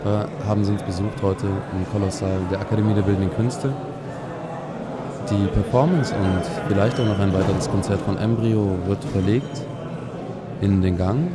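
Man, low voice, live radio host, dry wry announcing, loud crowd noise behind. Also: steady tone, moderate pace. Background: crowd chatter.

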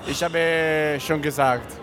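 A man's voice: on the high side, fairly even intonation, slow, a crowd in the background. A man from Italy with an Italian accent, an art student answering interview questions thoughtfully and searching for words.

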